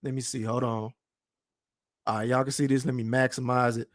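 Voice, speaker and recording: A man from Dallas-Fort Worth, Texas, with a Texan accent hosts a podcast livestream, reading the chat and ranting casually with blunt, profane opinions. His voice is medium-pitched, flat in delivery, and fairly quick.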